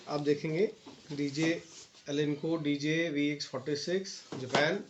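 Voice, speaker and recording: Dull audio captures a somewhat high male voice as an Indian presenter does a relaxed unboxing review. He explains the features warmly to his audience, slipping in English terms, in an echoey room with constant noise and clicking.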